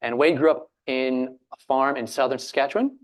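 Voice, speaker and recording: A man from Alberta, Canada, moderates a panel at a moderate pace, his voice at an ordinary middle pitch. His style is loose and chatty, full of fillers, restarts, and jokes at his own expense.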